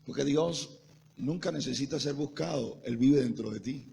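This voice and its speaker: A man's voice: mid-range voice, normal speed, creaky, warm tone, slight background noise. A man preaching a sermon to a congregation in a church, impassioned and emphatic, having listeners repeat phrases after him. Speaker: pastor.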